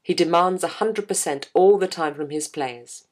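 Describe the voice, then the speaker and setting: A woman, a choir singer, reading a wry, measured account of rehearsals for a concert. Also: lowish voice. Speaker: choir singer telling a story. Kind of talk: scripted narration.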